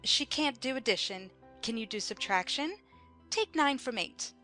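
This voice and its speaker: A woman's voice: fairly high pitch, animated, measured pace, pushed and bright. A woman playing a bossy, pedantic queen who contradicts like a schoolmistress in an audiobook drama. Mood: scolding, smug. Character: bossy, pedantic Red Queen, an imperious chess-piece monarch. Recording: music behind the voice.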